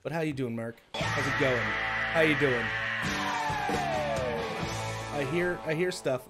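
A male game streamer who chats live in an excitable, flustered way, with frequent laughter and sudden outbursts. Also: on the high side, normal speed, over loud music.

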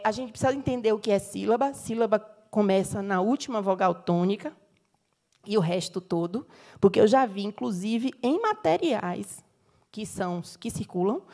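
A middle-aged Brazilian professor with a Brazilian Portuguese accent gives an academic lecture, explaining things step by step, offering sung examples and checking in with the audience through frequent tag questions. Her mid-range, darkish voice has lively intonation and a moderate pace.

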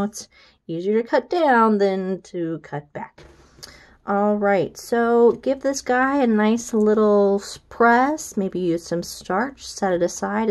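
A woman's voice: medium pitch, darkish tone. A friendly American woman talks through a quilting block step by step, chatty and enthusiastic. She speaks in a casual teaching tone, pointing things out as she goes. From United States. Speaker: quilting instructor. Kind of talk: casual how-to walkthrough.

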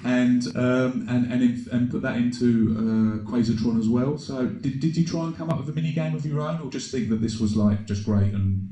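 A man's voice: mid-range voice, moderate pace, few pauses, warm tone. A man hosting a live panel, chatty and genial, asking guests questions. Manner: genial, chatty, filler-heavy. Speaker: panel host. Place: live event hall. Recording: echoey event hall, live stream.

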